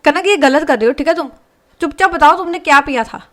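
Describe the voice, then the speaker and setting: A woman's voice: high voice, quick pace, a bit bright, voice pushed up. A woman voicing a young woman who firmly scolds and questions her partner. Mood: scolding.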